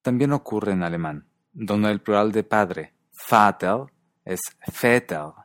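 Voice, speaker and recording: A man narrating a scripted language lesson in a calm, measured way, carefully pronouncing foreign example words. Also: fairly low pitch, no room sound, studio quality.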